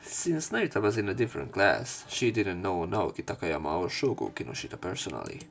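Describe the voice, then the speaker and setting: This let's player has a low-pitched, creaky, sing-song voice and moves fairly quickly as he reads a visual novel aloud. He mixes the narration with casual, crude comments, and game music plays underneath.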